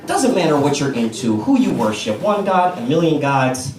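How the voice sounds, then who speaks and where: A fairly high, slightly mellow male voice with big pitch swings moves at a moderate pace, with slight background noise. He's an American stand-up at an open mic in a comedy club, casually telling stories and working the crowd. The audience's laughter comes through the roomy, distant recording.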